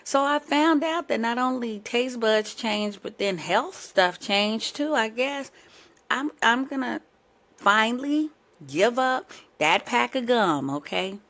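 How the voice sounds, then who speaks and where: A woman's voice: a little high, expressive, slow pace, a bit bright. A young adult woman hosting her own podcast. She has a sore throat and chats playfully, speaking straight to her listeners. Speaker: podcast host. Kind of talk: casual chat.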